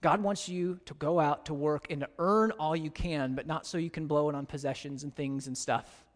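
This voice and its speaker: American man, pastor mid-sermon, lively storyteller, a bit high-pitched, echoing sanctuary. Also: normal speed. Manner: animated storytelling, pitch leaping high in anecdotes. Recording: long reverb of a large hall.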